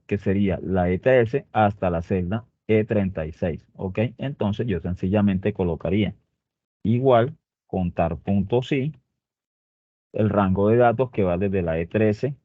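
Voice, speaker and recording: A man's voice: sits low, dry recording. A man teaching a spreadsheet lesson, explaining step by step and checking in with his students often. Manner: explains step by step, with frequent "¿ok?" and "muchachos" check-ins. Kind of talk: spreadsheet tutorial. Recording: tinny phone-like, dry sound.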